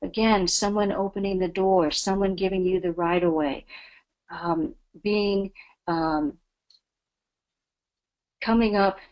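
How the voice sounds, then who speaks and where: A woman's voice: mid-range voice, fairly even intonation, takes it slowly, long pauses, a little mellow, highs cut off. A woman giving a spiritual talk as a webinar guest, earnest and devotional. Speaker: guest speaker.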